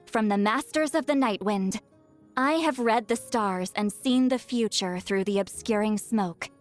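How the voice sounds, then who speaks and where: A woman voices a youthful-sounding seer in video game voice lines, her voice on the high side. The character is proud yet easily flustered and secretly awkward, delivered in an expressive, haughty, defensive manner while the mood stays confident and composed.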